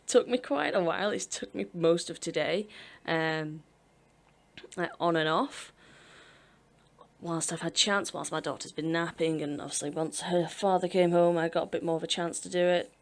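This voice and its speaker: A woman's voice: on the low side, moderate pace. A woman in her twenties with a British accent, chatting casually and rambling over a video game build, laughing now and then. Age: 20s. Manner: rambling, chatty, self-deprecating, laughs often. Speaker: Sims speed-build YouTuber. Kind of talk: casual chat over gameplay.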